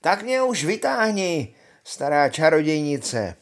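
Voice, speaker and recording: Old guy voicing a cheeky soldier, husky, bouncy and brash. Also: medium pitch. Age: older. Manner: brash, lively. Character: bold cheeky young soldier man.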